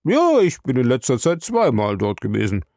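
A man voicing a smooth-talking, evasive male bar owner in an audiobook, lifting his voice higher and giving it a changed tone. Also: wildly swooping pitch, normal speed, warm tone, dry recording, clean studio sound.

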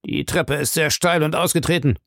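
A cruel old man gloats with slow relish over the torments of the past, as a male audiobook narrator puts him on. His voice sits higher than the narrator's own and has a gravelly crackle. The sound is close and dry, with no room in it. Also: a bit bright, no room sound. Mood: showing off. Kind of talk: audiobook character voice.

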